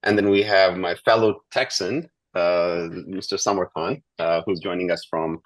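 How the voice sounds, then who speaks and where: A man moderating an online panel with informal introductions, speaking in halting, hesitant phrases. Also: low-pitched, steady tone, poor audio. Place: online video call.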